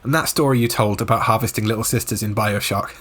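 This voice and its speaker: A man co-hosting a podcast, answering in a reflective, wordy way and often pausing with short fillers. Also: on the low side, steady tone, a bit bright, slightly rough. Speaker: podcast co-host. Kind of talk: casual podcast reply.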